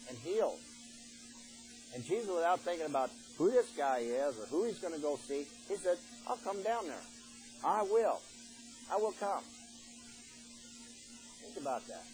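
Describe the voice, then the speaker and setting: A man's voice: sits high, darkish tone, a little hiss or hum, rough recording. An older man preaching a sermon in a folksy, plain-spoken way, reading scripture aloud and then explaining it.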